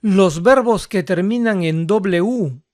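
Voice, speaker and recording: Slow, deliberate Spanish-speaking English tutor. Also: mid-range voice, darkish tone, no room sound, studio quality. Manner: slow, deliberate, spells out rules step by step. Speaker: English teacher. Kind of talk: instructional lesson.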